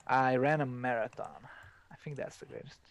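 A man's voice: mid-range voice, sing-song, moderate pace, vocal fry. A man chatting casually while playing a video game with a friend, teasing and laughing often. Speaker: gaming video co-host. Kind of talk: casual gameplay chat.

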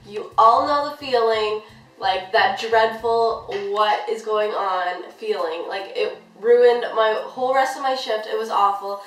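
A young woman chats through a storytime video and keeps saying "like" as she rambles. Her voice sits a little high. She is heard a bit off the mic in a room full of echo. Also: unhurried, a bit bright, recorded from a distance. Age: young adult. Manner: chatty, rambling, heavy use of "like". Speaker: vlogger. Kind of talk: casual storytime chat.

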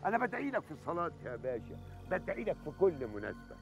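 A man with an Egyptian accent playing a boastful, flattering rich man who hosts feasts in a TV drama. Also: fairly high pitch, racing, over music. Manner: smooth-talking, flattering, boastful. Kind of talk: TV series acting.

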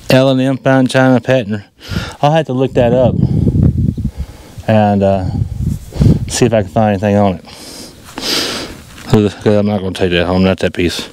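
Out in open farm fields, a middle-aged metal detecting vlogger with a Southern US accent narrates casually into a handheld or body-worn action camera. His lowish voice is dark, clear and resonant, moving at a measured pace with frequent pauses, and his manner is folksy and easygoing.

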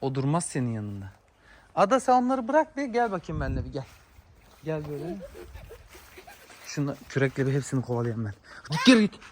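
A man's voice: fairly high pitch, very animated, brisk, pauses often, slight background noise. Man barking commands at dogs outdoors. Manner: sharp commands to dogs, shooing them back. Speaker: dog owner and father filming his dogs. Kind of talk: casual vlog talk to viewers.

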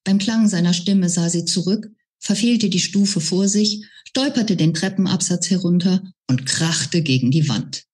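A woman reads her own novel aloud, taking her time over each sentence. Her voice sits fairly low and the delivery stays slow and measured throughout. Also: darkish tone, breathy edge. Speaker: author reading her novel. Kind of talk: book reading.

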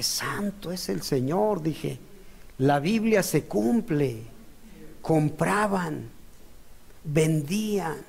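Male preacher, high-pitched, rambling sermon style. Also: gravelly, darkish tone. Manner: rambling, conversational, many fillers and asides.

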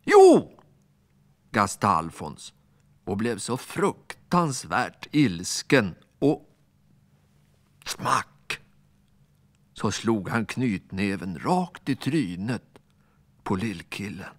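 A man reading a children's story aloud, expressive and sometimes dropping to a hush. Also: on the low side, dry recording. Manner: expressive, hushed at times.

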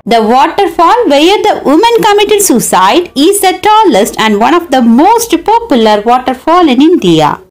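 A woman with a high, sing-song voice narrates a story for her channel at a normal pace, pausing little over soft background music. As host and narrator, she reads a scripted voice-over with a dramatic, swooping storyteller's flair.

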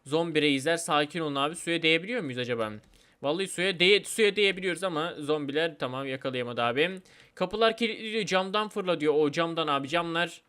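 A man hosting a let's play video, chatty and excitable, talking straight to his viewers and gleefully trolling other players. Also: a little high, fast talker, clean tone. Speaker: gaming video host.

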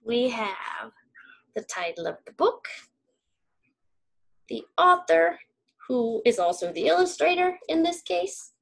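A woman's voice: high voice, very animated, creaky. A woman teacher reading a picture book aloud to her young students and asking them questions. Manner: warm, slow, question-asking teacher talk. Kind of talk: children's read-aloud.

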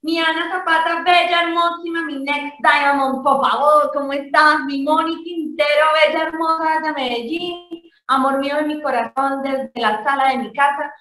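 A Colombian woman hosting a live video call, greeting her audience warmly and effusively, laughing often. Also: sits high, steady tone, normal speed. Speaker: network marketing presenter. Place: home living room. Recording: echoey, from a distance.

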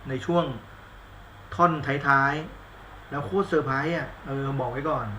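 A man chats his way through a movie review on a live stream. He rambles in a blunt, slangy, self-mocking way, and his voice sits a little high and sounds bright and sharp. He is in an echoey room with faint background hiss. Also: fairly even intonation, measured pace. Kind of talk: casual live-stream chat. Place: indoors at home, live stream.

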